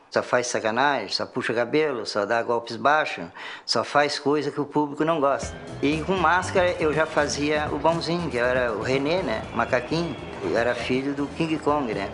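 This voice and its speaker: A man's voice: mid-range voice, moderate pace, a bit bright, faint music behind. A Brazilian former wrestler, a man, casually recalling his old ring roles. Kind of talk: casual reminiscing.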